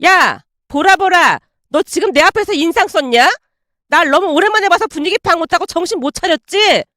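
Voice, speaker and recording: A woman's voice: extremely high pitch, lively intonation, brisk, a bit bright, no echo, clean studio sound, voice pushed up. A woman voicing an arrogant, spoiled young woman who mocks and bosses an old classmate in a storybook drama. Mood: sneering. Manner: mocking, condescending, bossy.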